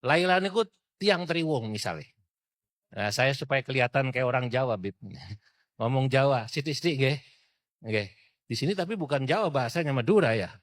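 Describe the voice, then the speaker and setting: A man's voice: medium pitch, expressive, moderate pace, pauses often, no echo, studio quality. A middle-aged man preaching a storytelling sermon and acting out the characters' cries.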